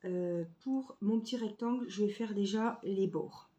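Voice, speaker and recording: Mellow and a little slow, a medium-pitched woman talks to viewers while crafting at home in a relaxed tutorial chat. She thinks out loud with fillers, recorded on a phone camera set on a stand.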